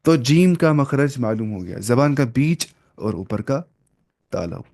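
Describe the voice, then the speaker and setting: A man's voice: medium pitch, animated, a little mellow. Man teaching recitation rules, drilling a class. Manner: drills students with repeated questions; slows down to spell out terms. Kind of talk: classroom lesson.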